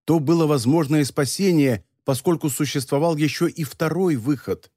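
A man giving a measured, expressive reading of a dramatic novel as an audiobook narrator. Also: on the high side, no room sound, studio quality.

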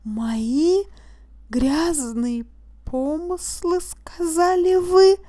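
A woman reading the part of a meek, tearful accused man who pleads slowly and sometimes drops to a whisper. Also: mid-range voice, no room sound, studio quality, close to an everyday voice. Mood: bewildered. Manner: tearful, pleading and quietly insistent, slipping into a hushed whisper. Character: weepy, meek male mechanic accused of a crime.

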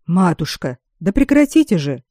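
A woman's voice: on the low side, very animated, moderate pace, warm tone, dry recording, clean studio sound. A woman reader voicing an exasperated young nobleman who pleads with his mother and sister to stop. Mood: pleading. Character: torn young nobleman brother, head of family.

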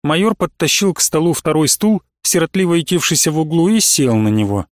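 A male narrator reading a novel aloud in an even, expressive manner. His voice sits a little higher than most men's. The sound is close and dry, with no room around it. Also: fairly quick, no echo. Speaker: audiobook narrator. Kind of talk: scripted narration.

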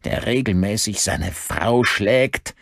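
A man voicing a cold, vengeful older man who speaks slowly and deliberately in an audiobook. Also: lowish voice, vocal fry, no echo, studio quality, pitched above the performer's own voice, heavily acted. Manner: slow, deliberate, icy.

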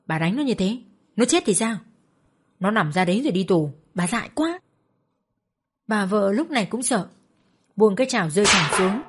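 A woman narrating an audiobook story, voicing the characters with lively dialogue. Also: medium pitch, breathy edge.

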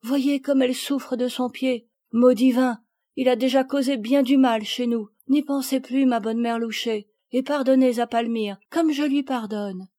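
A woman voicing a gentle young girl who speaks in an earnest, pleading way. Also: sits high, normal speed, few pauses, no echo, studio quality, pitched above the performer's own voice, close to an everyday voice.

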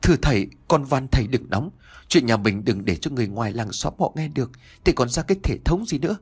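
A man voicing a grown daughter who begs her angry father in a quick, imploring voice in an audiobook story. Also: mid-range voice, animated, darkish tone, breathy edge. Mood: pleading. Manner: begging, rushed and tearful. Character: grown daughter, gentle and pleading.

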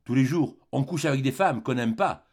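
A man's voice: mid-range voice, moderate pace, a little mellow. A man reading a classic novel aloud as an audiobook, giving the characters different voices. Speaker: audiobook reader.

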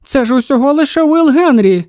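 A man voicing a huge, loud, ill-tempered shopkeeper's wife who snaps and grumbles in a storybook reading. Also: expressive, brisk, no echo, clean studio sound. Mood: shouting. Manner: booming, snapping complaints.

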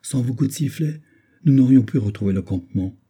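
A man voicing a brisk male hunting captain who explains events quickly in a storybook reading, with a dark, husky voice. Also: mid-range voice, animated, pitched above the performer's own voice. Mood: relieved.

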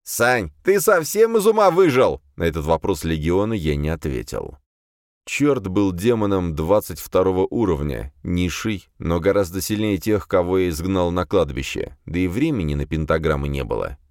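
A man narrating a first-person fantasy audiobook in a steady, measured way. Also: sits low, no echo, studio quality.

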